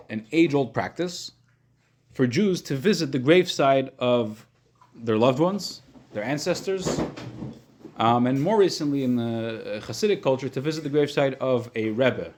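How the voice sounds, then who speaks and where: A man teaching an informal religious class as a rabbi, reading texts and explaining them step by step, often rephrasing as he goes, in a slightly husky voice. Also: medium pitch, a little mellow. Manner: explanatory, repeats and rephrases points, halting at times.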